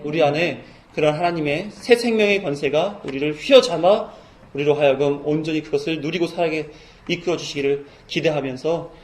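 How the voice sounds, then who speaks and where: A man with a high voice delivers a church sermon with earnest conviction. He is a middle-aged pastor whose preaching swells into fervent emphasis on key points. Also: fairly quick.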